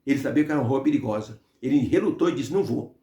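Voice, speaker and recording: A man's voice: mid-range voice, very fast, warm tone, dull audio. A man teaching a Bible lesson through devotional storytelling, talking conversationally with frequent hesitations. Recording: roomy echo.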